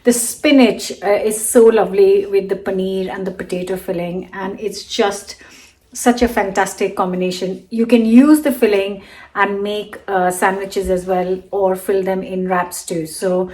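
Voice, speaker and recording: A woman's voice: mid-range voice, fairly even intonation, measured pace, a little mellow. A woman hosting a home cooking video, chatting casually and gushing over the food in her kitchen. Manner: gushing, enthusiastic about food. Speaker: cooking show host. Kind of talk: casual cooking chat to camera.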